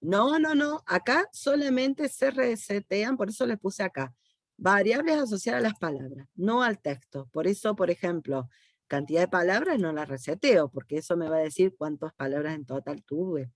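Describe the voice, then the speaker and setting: Her voice is mid-range and expressive, at a normal pace, in a dry studio-quality recording. She's an Argentine university teacher running an online class, walking students patiently through code and frequently checking their understanding with "¿sí?".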